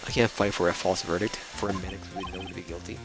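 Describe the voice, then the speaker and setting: A man's voice: low-pitched, steady tone, fast talker. A man reading an earnest young defense lawyer. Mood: earnest troubled. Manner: earnest, hesitant. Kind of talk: reading game dialogue aloud. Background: game music.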